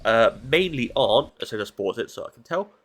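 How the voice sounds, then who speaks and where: A man with a medium-pitched, animated voice talks a little fast, his nose blocked by hay fever. He gives casual, analytical solo commentary on a recorded esports match, thinking aloud as he goes.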